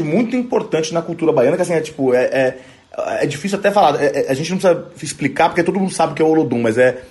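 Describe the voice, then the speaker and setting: A man hosting a music program, talking casually about a song just played, halting often with repeated restarts as he looks for words. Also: on the high side, darkish tone. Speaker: music show host. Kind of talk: casual radio music commentary.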